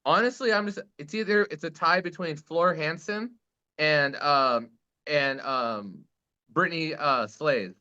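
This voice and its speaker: Bright-voiced, excitable man hosting an interview. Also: on the high side, measured pace, clean tone. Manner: excitable, slangy bro talk. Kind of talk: casual chat. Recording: dull lo-fi sound.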